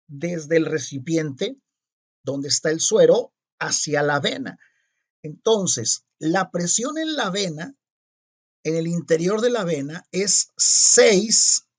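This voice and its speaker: A man teaching physics, working through exercises step by step and spelling out each calculation. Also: high voice. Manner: deliberate, spells out each calculation and checks itself.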